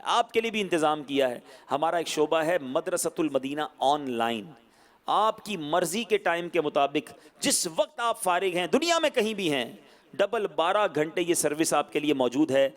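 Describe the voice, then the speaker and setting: Male preacher, high pitch, exhorting sermon delivery. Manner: exhorting, animated, often rising in pitch.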